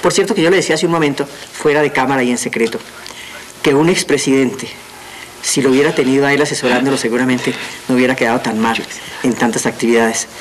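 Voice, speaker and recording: An older woman hosting a TV interview, chatty and lively, quick to jump in. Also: a bass voice, a little hiss or hum, low-quality recording. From Colombia. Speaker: TV host.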